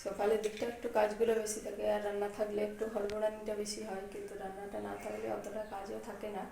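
A woman's voice: mid-range voice, monotone, fast talker. Mother narrating her home vlog. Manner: coaxing a crying baby in a loud sing-song. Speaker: vlogger mother. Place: home bedroom. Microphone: phone camera. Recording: home video with clear background noise.

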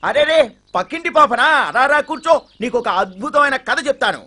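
A man's voice: very high voice, moderate pace, exaggerated voice. An actor playing a sarcastic, teasing man who mocks a storyteller and then takes over the tale in a comedic film scene. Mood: mocking. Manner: mocking, wisecracking, animated storyteller. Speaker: cheeky neighbor telling a comic story.

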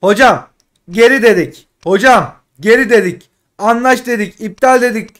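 A man doing casual live commentary while opening game packs, frustrated and pleading, swinging between loud outbursts and muttering. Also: high-pitched, moderate pace. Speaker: gaming streamer.

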